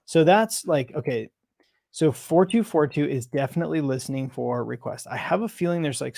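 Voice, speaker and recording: A software developer, a man, thinking aloud while debugging code, halting and self-questioning with many restarts. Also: mid-range voice, gravelly, no echo, clean studio sound.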